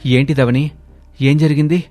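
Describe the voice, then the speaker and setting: A man's voice: fairly high pitch, steady tone, moderate pace, darkish tone, faint music behind, lightly acted. A man voicing a worried young husband, urgent and questioning.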